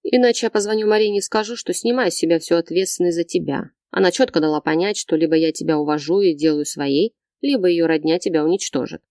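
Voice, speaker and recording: A woman reading the part of a domineering, threatening man in an audiobook, lowering her voice and speaking curtly. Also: fast talker, hardly any pauses, a little mellow, no echo, studio quality, natural voice. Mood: menacing. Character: domineering controlling man, young adult, cold and threatening.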